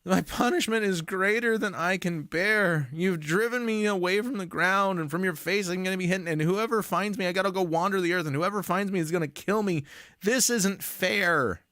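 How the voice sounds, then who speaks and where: A man doing a sulky, self-pitying complainer, pitched up higher than his normal voice in a pouting, whiny tone. The recording is dry and close, with no room sound. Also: normal speed, bright, forceful tone, dry recording. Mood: whining. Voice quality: pouting pity voice.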